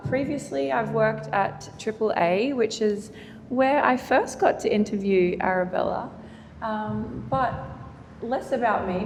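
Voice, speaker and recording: An Australian woman moderating a public panel conversation in a gallery, speaking in an earnest, measured and formal way. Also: mid-range voice. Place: gallery event space. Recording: roomy hall reverb, faint noise.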